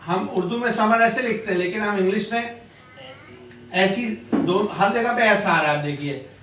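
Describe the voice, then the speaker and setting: A man teaching a class, slowly drilling letter sounds and asking students questions. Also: high voice, fairly bright tone. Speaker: English teacher. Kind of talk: classroom lesson. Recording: echoey room, distant mic.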